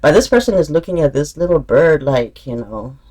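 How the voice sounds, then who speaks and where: A tarot reader speaks straight to his viewers in an intuitive reading, earnest and encouraging, casually calling them "honey" as he offers spiritual advice. His husky, darkish voice sits on the high side, brisk and lively, and he often repeats himself and restarts while reading the cards.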